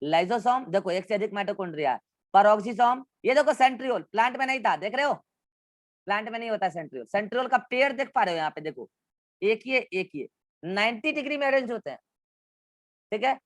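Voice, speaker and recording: A man's voice: sits high, animated, quick pace, dry recording. Male biology teacher, dry close sound. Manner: talks students through textbook diagrams, mixing English terms into Hindi; repeats instructions over and over. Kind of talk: online class lecture.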